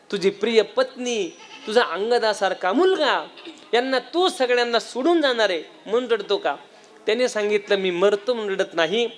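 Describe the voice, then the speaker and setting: A man with a Marathi accent preaching a devotional kirtan sermon, telling a story and acting out its dialogue, and putting questions to his listeners. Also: high voice. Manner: animated storyteller, acts out dialogue, asks the audience questions.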